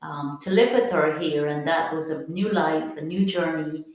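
Deep-voiced older woman, echoey and distant. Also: slight background noise. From Guyana. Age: 50s. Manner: earnest, reflective, with many pauses and fillers. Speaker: podcast guest. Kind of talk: personal storytelling interview. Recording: very echoey, from far off the mic.

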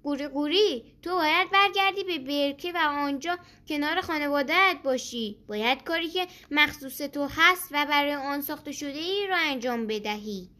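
Young rooster, helpful, kind, slow, explaining, bright tone, woman voicing. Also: high-pitched. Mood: gentle.

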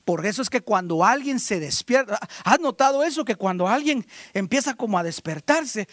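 A male pastor with a strikingly high voice preaches a lively sermon. He tells the story with drama, acting out voices and swinging from loud calls to hushed asides. The sound is dry and close. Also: normal speed, no room sound.

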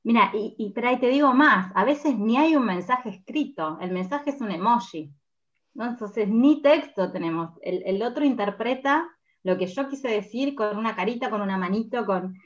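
A woman's voice: on the high side, animated, moderate pace. A woman with an Argentine accent, a podcast guest, explaining ideas in a casual way and thinking aloud with fillers. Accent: Argentine Spanish. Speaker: podcast guest, communication speaker. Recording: slightly dull lo-fi audio.

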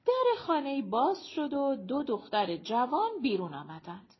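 A woman reading an audiobook aloud with expressive, measured storytelling. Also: sits high, husky. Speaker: audiobook narrator. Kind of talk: scripted narration. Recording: muffled lo-fi recording.

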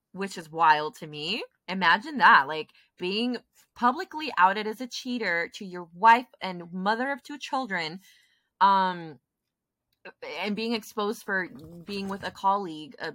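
A woman co-hosting a podcast in casual chat, expressive and opinionated, often correcting herself as she goes. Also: mid-range voice, dry recording. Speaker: podcast co-host.

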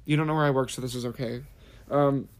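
Low-voiced young woman chatting casually. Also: fairly even intonation, quick pace. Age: 20s. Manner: candid, joking, swears freely. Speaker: podcast co-host. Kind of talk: casual chat.

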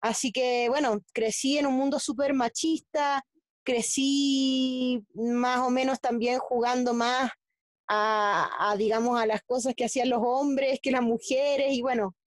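A Chilean woman with a fairly high voice talks as a guest in a casual interview. She speaks haltingly, with frequent fillers and restarts. The sound is dry and close, with almost no room echo. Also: fairly even intonation. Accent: Chilean Spanish. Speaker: guest athlete.

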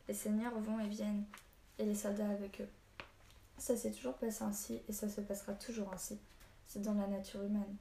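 A woman reads a gruff old hermit who tells stories slowly and loses his temper quickly. The delivery is mellow and even, with little rise and fall. The audiobook recording carries room echo and a faint hiss. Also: medium pitch, lightly acted. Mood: grave. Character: old male hermit storyteller, stern and short-tempered. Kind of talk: audiobook reading.

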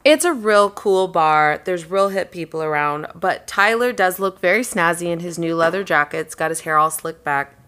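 A young woman co-hosting a casual chat, playful and quick with affirming interjections. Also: fairly low pitch, fairly bright tone, clear, resonant tone. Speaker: podcast co-host.

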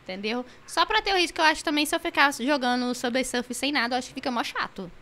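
A woman streamer in casual podcast chat, talking very fast with hyper, excitable energy. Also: high-pitched.

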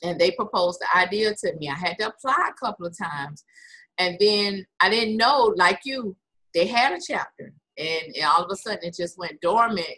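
A woman's voice: lowish voice, expressive, normal speed, pushed and bright, poor audio. A woman hosting an online interview, talking enthusiastically and with emphasis. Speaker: host.

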